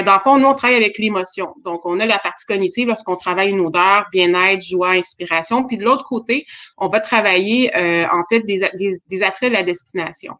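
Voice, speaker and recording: A woman's voice: medium pitch, a bit bright. Quebec French woman, dull lo-fi sound. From Quebec, Canada. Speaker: start-up presenter. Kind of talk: informal pitch presentation.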